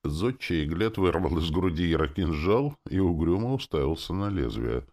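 A very deep male voice reading a first-person audiobook. His pitch swings widely and the reading stays expressive and wry. It sounds like narrating a story. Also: normal speed.

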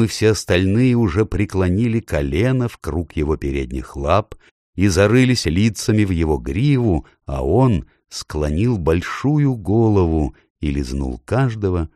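A man reading a storybook aloud as narrator, in an even, measured way. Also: sits low, dry recording, studio quality. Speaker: audiobook narrator.

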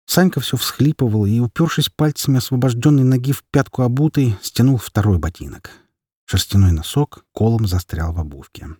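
A man narrating a story in an expressive, scripted reading. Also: mid-range voice, brisk, breathy edge, dry recording, clean studio sound. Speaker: audiobook narrator.

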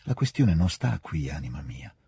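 A man reading aloud, voicing a smooth, scheming older nobleman who coaxes in a soft, hushed way. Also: rumbling low, sing-song, normal speed, voice pushed down, full character voice. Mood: coaxing. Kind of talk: audiobook reading.

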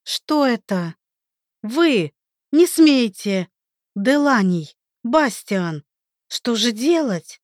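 Woman reading as a young girl in a storybook, higher and urgent, dry sound. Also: lively intonation, measured pace, no room sound. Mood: pleading. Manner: urgent, pleading. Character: brave young woman pleading for her love.

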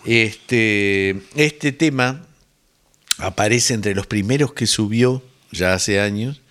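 Man, very deep voice, radio music host, casual rambling chat. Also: takes it slowly, fairly bright tone. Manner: rambling, thinking aloud with many fillers.

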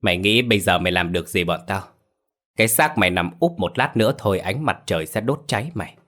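A man voicing a stern, protective old village father who scolds harshly in a low voice. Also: fast, fairly bright tone, lightly acted. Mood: angry.

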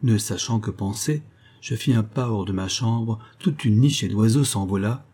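A man reading a nineteenth-century story aloud as narrator, in a measured storytelling manner. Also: lowish voice, warm tone, slightly rough. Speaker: audiobook reader. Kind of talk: scripted narration.

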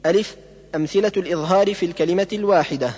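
A man reads through the rules of recitation, listing each point in a steady, measured way. His voice is pitched quite high. The recording carries a long reverb tail. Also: slightly rough. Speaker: Quran recitation teacher. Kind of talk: read-aloud lesson on recitation rules.

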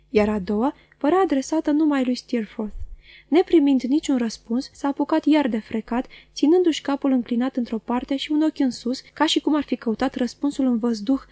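A woman reading a novel aloud as an audiobook, in measured storytelling. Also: sits high, mellow, dry recording. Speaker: audiobook reader.

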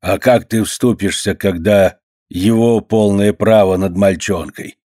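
Brief: male reader as a stern old village fisherman, gruff and reproachful, dry booth sound. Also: medium pitch, very animated, unhurried, warm tone, dry recording, voice pushed up. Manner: gruff, reproachful, folksy speech. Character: stern old fisherman, plain-spoken and fair.

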